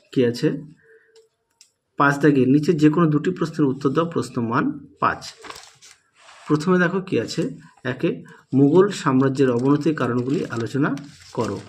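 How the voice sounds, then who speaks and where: A teacher walks through exam questions and answers, dictating the solutions and frequently repeating the key points. His voice is fairly high with a darkish tone, and a little hiss or hum is audible.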